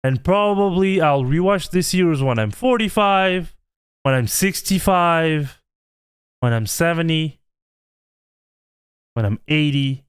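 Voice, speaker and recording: Man, twenties, host; earnest pleading rant, smooth clear voice, unhurried. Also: a little high, expressive. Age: 20s. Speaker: channel host. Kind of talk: heartfelt vlog rant.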